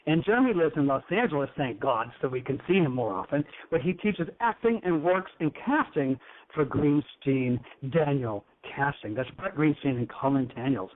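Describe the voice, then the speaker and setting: A man's voice: on the high side, lively intonation, moderate pace. A man hosting a talk show in a flamboyant, teasing, effusive manner. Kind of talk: campy talk show chat. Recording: tinny phone-like line.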